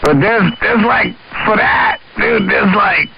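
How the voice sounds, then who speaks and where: Over a hissy, dull CB radio transmission, an American man talks video games in a casual, emphatic way, full of slang and free swearing. He speaks slowly in a high, creaky voice that sounds animated.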